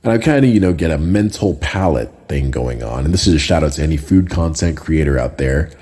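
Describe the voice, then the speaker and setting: Deep, husky-voiced Jamaican-born man. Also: animated, a little fast, mellow. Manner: conversational, often tags lines with "right?". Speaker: podcast host. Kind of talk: casual solo podcast talk.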